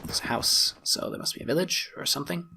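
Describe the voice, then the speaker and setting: Gravelly man casually commentating a game. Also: on the high side, quick pace, sharp tone, slight background noise. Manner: chatty, self-mocking, thinking aloud. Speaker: gaming YouTuber. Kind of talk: casual let's-play commentary.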